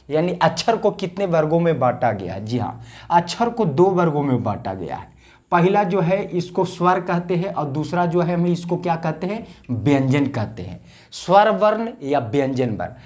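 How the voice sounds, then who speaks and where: In a grammar lesson, a male teacher with a slightly high, darkish voice repeats every definition. He recites them slowly, drawing out the vowel sounds.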